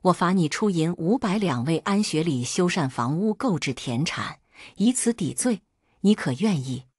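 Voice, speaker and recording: A woman's voice: on the low side, lively intonation, normal speed, a little mellow, slightly rough, dry recording, studio quality. A woman voicing a stern male magistrate who hands down judgments in a commanding, lecturing way.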